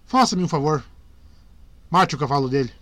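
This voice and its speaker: A man's voice: fairly high pitch, expressive, moderate pace, fairly bright tone, no room sound. A man voicing a grim middle-aged male witcher who gives short, commanding orders, in a dry close recording. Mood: stern.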